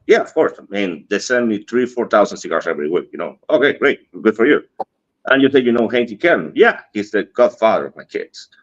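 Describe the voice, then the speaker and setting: A Dominican man, a guest from the cigar industry, tells a story casually in a fairly low, pushed, bright voice with a Dominican Spanish accent. He acts out the dialogue and laughs often. The stream audio is dull and lo-fi.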